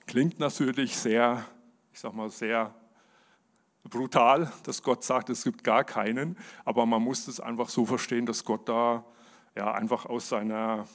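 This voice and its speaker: Man, middle pitch, lay preacher, earnest, halting with fillers, reads scripture steadily. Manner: hesitant, many fillers and restarts; earnest, measured reading of scripture. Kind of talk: sermon with Bible readings.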